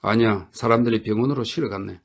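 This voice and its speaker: A man's voice: lowish voice, fast, gravelly, slightly rough. A man voicing a distraught husband in a storybook reading, pleading in a choked way.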